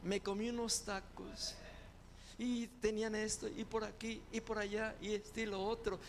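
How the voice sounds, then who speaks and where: A man's voice: high voice, little pitch movement, moderate pace, slight background noise, pitched above the performer's own voice. A man voicing a churchgoer who whines and rambles through excuses in a raised voice. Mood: whiny. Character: whiny adult complaining churchgoer, man or woman.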